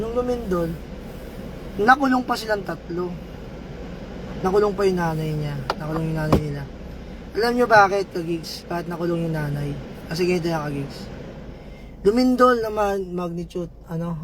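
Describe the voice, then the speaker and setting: A man livestreaming, chatting with viewers, giving shoutouts and telling a joke story in a casual, playful way. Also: high-pitched, moderate pace, long pauses, noisy background. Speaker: livestream vlogger.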